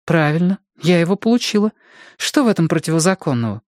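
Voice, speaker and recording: A man's voice: fairly high pitch, very animated, fast talker, darkish tone, dry recording, studio quality, voice pushed up. A man reading an audiobook, voicing a proud young woman who is heated, defensive and defiant. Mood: indignant.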